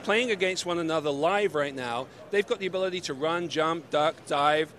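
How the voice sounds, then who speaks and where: A company representative in his forties, a man from the United Kingdom with a slightly mixed British accent, gives a trade-show interview at a booth in a busy convention hall. Upbeat and salesy, he gestures while explaining his company's gear at normal speed, his voice a little high for a man. The interviewer holds a handheld mic.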